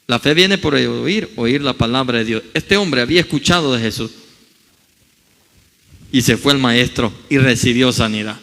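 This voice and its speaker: A man's voice: medium pitch, normal speed, vocal fry, fairly bright tone. A male pastor preaching a sermon in a church hall, swinging his voice wide as he acts out scripture quotes.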